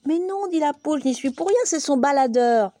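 Fretful storybook hen, played by a woman: lively, mellow, musing. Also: high voice, fairly quick, dry recording, voice pushed up. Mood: irritated. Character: fretful pondering hen, female adult.

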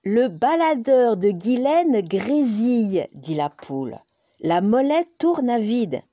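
A woman's voice: a little high, very animated, slow, dark tone, no room sound, studio quality, pitched above the performer's own voice, full character voice. A woman doing a fretful musing hen. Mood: irritated. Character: fretful pondering hen, female adult.

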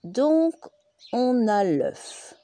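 A woman voicing a fretful female hen who muses aloud, with a lively voice raised higher and drawn out. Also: very slow, heavily acted. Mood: musing.

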